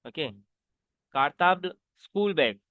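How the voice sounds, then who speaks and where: Slow man teaching French. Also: fairly high pitch, expressive, no room sound, narrow, tinny audio. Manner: slow, repetitive teaching, mixing English and Hindi. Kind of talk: online language lesson.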